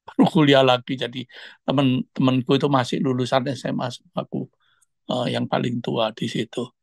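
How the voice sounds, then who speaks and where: Man, gravelly husky voice, casual storytelling, acts out quotes. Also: mid-range voice, little pitch movement, normal speed, dry recording. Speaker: devotional sharing participant. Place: online video call.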